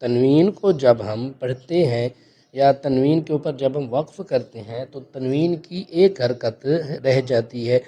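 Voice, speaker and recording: A man's voice: mid-range voice, mellow. A man teaching Quran recitation, explaining each letter and rule patiently and checking in with his students. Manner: slow drawn-out chanted recitation of verses.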